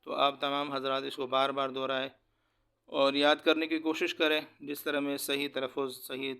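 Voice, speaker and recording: A man teaching Quran recitation, spelling out each syllable slowly and then chanting the verses in a slow, drawn-out style, with quick low asides between drills. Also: little pitch movement, vocal fry, bright, forceful tone, smooth.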